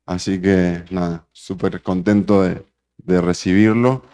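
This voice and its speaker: Clear-voiced man hosting a seminar. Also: deep voice, steady tone, unhurried, warm tone. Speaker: host introducing a guest speaker. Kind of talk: informal spoken introduction to an audience.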